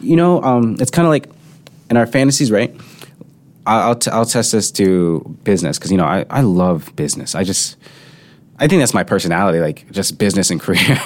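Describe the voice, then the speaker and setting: Young man, podcast co-host, lowish voice, reflective, lots of fillers. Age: young adult. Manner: reflective, heavy use of filler "like". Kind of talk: casual chat.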